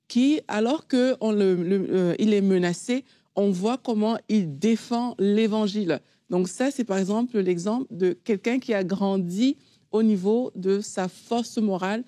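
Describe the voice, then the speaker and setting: Mellow-voiced woman explaining faith. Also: medium pitch, no echo. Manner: calm, explanatory, with fillers. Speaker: co-host.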